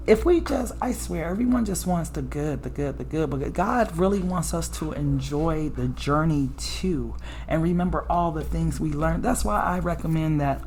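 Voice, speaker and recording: A tarot reader with a raspy, low alto voice that's a little mellow gives a casual yet preachy spiritual reading, frequently checking in with "okay?" and "right?"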